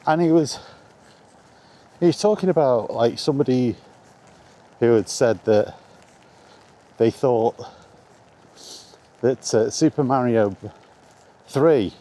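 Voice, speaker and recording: Here a mellow British man rambles informally through a video game vlog, out walking in the rain and dropping the odd mild swear word. His medium-pitched voice has lively intonation, and he goes slowly with long pauses. The recording carries faint outdoor ambient noise.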